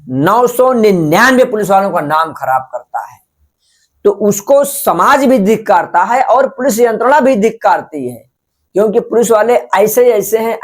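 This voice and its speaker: A man giving spoken opinion commentary as a channel host, scolding and rhetorical, repeating phrases for emphasis. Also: high voice.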